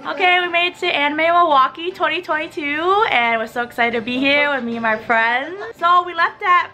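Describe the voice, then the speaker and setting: A woman's voice: high-pitched, brisk. A young woman from Minnesota chatting casually to a handheld camera at a convention, upbeat and rambling. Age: young adult. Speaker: vlogger. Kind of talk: casual vlog chat to camera. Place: busy convention center halls. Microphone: handheld camera at arm's length. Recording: loud crowd and music behind. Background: crowd chatter and music.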